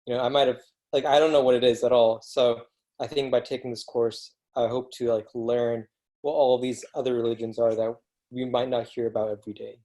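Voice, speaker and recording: A man's voice: mid-range voice, flat delivery, a little fast, dark tone. A young man student introducing himself to a class over a video call, casual and dotted with "you know".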